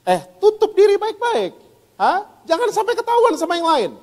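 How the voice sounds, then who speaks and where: A man's voice: very high voice, huge pitch swings, normal speed, darkish tone, pitched above the performer's own voice, full character voice. A male preacher voicing a sly male devil who coaxes people to hide and pretend, in a reverberant hall. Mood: coaxing.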